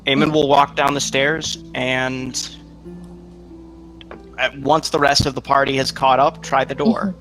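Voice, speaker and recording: A man plays a tabletop game with a bright, forward voice. He talks casually about his moves, with faint music underneath. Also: mid-range voice, little pitch movement, unhurried, rough recording.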